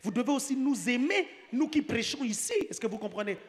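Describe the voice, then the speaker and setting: A man's voice: very high voice, animated, fairly quick. Preacher guy in church, jokey, keeps checking if everyone's following. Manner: joking, keeps asking the congregation if they follow. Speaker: pastor. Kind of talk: sermon.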